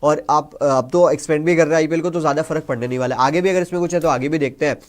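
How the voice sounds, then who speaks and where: A man's voice: a little high, racing. A man with an Indian accent hosting a casual cricket discussion, explaining the news in simple terms and reading English reports aloud. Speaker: cricket show host.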